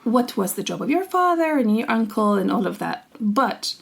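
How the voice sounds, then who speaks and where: A young woman from Syria, co-hosting a podcast, tells personal stories in an earnest, casual chat and laughs easily. Her fairly high voice is creaky and slightly rough, with a sing-song lilt at a moderate pace.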